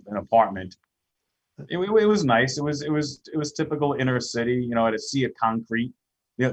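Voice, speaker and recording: Husky man, heavy Brooklyn accent. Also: lowish voice, poor audio. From Flushing, Queens, New York. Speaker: radio guest, financial professional. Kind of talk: casual radio chat.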